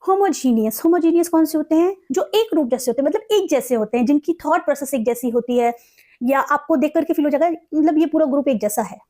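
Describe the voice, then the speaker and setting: Indian woman, high voice, vocabulary teacher, slow careful example sentences. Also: warm tone. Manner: mixes Hindi explanation with slow, carefully read English examples. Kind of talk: explaining word meanings in a lesson.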